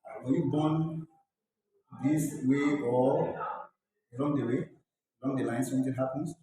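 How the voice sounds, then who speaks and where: A man hosting an interview, speaking formally with slow fillers. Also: medium pitch, fairly even intonation. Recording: echoey room, distant mic, crowd noise.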